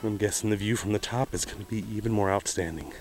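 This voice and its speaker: A man's voice: lowish voice, quick pace, a little mellow, faint music behind. A man hosting a hiking vlog, describing the trail in an easygoing, upbeat way as he walks outdoors. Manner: easygoing, chatty, upbeat about the scenery. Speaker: vlog host. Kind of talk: casual hiking vlog narration. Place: outdoors on a desert mountain trail. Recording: outdoor noise on a camera mic.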